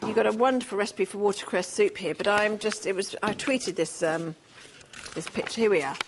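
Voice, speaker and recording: A woman's voice: medium pitch, fairly quick, noisy background. A woman presenting on a shopping channel, bubbly and gushing as she leafs through a cookbook with a chef guest. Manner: bubbly, gushing over food. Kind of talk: studio presenting.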